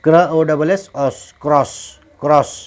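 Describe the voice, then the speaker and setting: A man's voice: a little high, steady tone, slow pace, a little mellow. A man teaching English phonics, spelling out letters and sounding out each word, then repeating it patiently several times.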